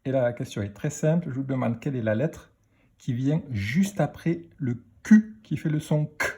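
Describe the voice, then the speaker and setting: Man, teacher, slow deliberate phonics lesson, husky mellow voice. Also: medium pitch. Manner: slow, deliberate, spelling out sounds.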